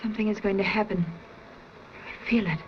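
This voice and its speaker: An actress playing an anxious young bride full of foreboding, in 1930s film acting. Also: female voice, mid-range voice, fairly even intonation, brisk, faint music behind, natural voice. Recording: dull old film soundtrack, faint noise.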